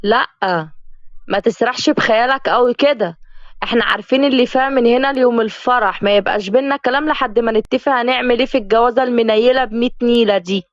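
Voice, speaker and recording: A stubborn young bride with an Egyptian accent talks bluntly and sarcastically, as a woman narrator voices her. Her voice sits fairly high, recorded dry and a bit muffled. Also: quick pace, no room sound, lightly acted. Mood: cold. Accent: Egyptian Arabic.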